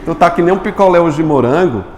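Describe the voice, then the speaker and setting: A man's voice: a little high, fast. Man, teacher, quizzing style, long hall reverb. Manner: lively, asks and answers his own questions. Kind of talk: live online grammar class. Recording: echoey room with long reverb.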